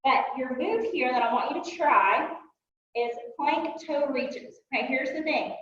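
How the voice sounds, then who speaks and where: A high-voiced woman fitness instructor calls out upbeat workout cues as she moves through the exercises, a little winded, dropping in fillers between moves. She stands away from the mic in a strongly echoing studio, and the sound is dull with a faint hiss. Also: a little slow, a bit bright. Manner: upbeat cueing with frequent "um" fillers; talks while moving and exercising. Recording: echoey room, distant mic, dull sound.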